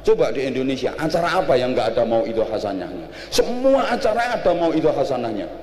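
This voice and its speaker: A man's voice: medium pitch, sing-song, fast, darkish tone. A middle-aged man giving a humorous sermon, switching languages and acting out little scenes. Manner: jokey, mixing Javanese and Indonesian, acts out examples. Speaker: Islamic preacher. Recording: roomy echo, faint ambience.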